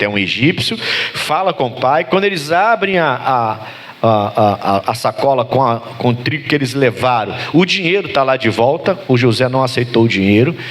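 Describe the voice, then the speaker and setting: A man, a pastor preaching a sermon in an animated way, his pitch climbing for emphasis as he asks the congregation for amens.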